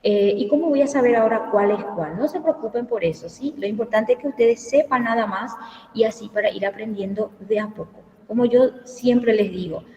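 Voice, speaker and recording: A woman teaching a language class, explaining slowly and checking often that her students follow. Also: medium pitch, mellow. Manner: slow, explanatory, checks understanding with frequent "¿sí?". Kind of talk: online class lecture. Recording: echoey room, voice from far off the mic.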